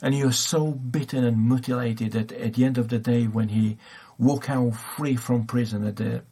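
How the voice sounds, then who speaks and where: A man's voice: mid-range voice, steady tone, normal speed, warm tone, husky. A man preaching a sermon, hesitant, with many fillers and restarts.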